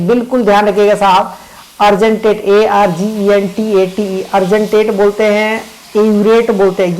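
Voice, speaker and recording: A man's voice: high voice, a little mellow. A man teaching chemistry from handwritten notes. He spells terms out letter by letter, keeps checking "okay", and corrects himself mid-word. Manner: spells out words letter by letter, repeats "okay" often. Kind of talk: explaining handwritten lecture notes.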